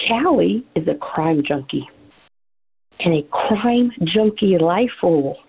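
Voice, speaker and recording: A woman's voice: lowish voice, expressive, slow pace, vocal fry, slightly rough. A woman whispering a voicemail to a podcast so she won't wake her family. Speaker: caller. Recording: tinny phone line.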